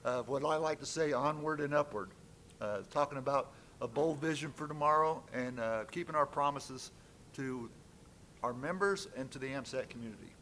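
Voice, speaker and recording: A man's voice: mid-range voice, moderate pace, fairly bright tone, slight background noise. A man opening a members' meeting at a conference, speaking off the cuff in a friendly, lightly joking way into a stage microphone. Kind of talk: public address at a conference.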